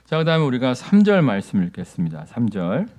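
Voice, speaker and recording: A middle-aged male pastor delivers a chatty, animated sermon in a church. He keeps asking the congregation to answer back and builds to loud, repeated emphasis. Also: mid-range voice, fairly quick. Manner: asks the congregation for responses. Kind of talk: lively conversational sermon. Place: church sanctuary.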